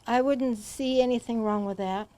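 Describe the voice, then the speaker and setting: A woman with a high voice speaks haltingly as a studio guest. She pauses often and fills gaps with ums. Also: fairly even intonation, dark tone. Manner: hesitant, halting, many ums. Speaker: talk show guest. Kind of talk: studio interview answers.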